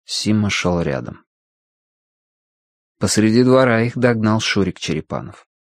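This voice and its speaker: A male narrator reads a story aloud in a steady, quiet way. His voice sits low and the sound is dry and close, with no room around it. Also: unhurried, no room sound. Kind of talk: audiobook narration.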